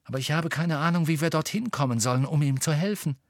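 A man's voice: fairly high pitch, quick pace, no echo, clean studio sound, voice pushed up, natural voice. A man voicing an anxious, angry teenage wizard boy who talks in a snappish, agitated way.

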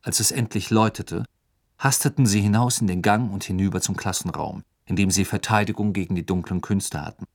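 A man reading an audiobook as narrator in an even, measured way. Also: low voice, no echo, studio quality. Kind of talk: scripted narration.

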